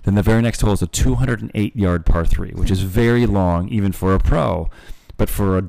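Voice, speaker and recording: A man's voice: fairly low pitch, brisk, creaky, darkish tone, dry recording, rough recording. A man co-hosting a casual chat, a teasing, chatty storyteller. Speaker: podcast co-host and golf dad.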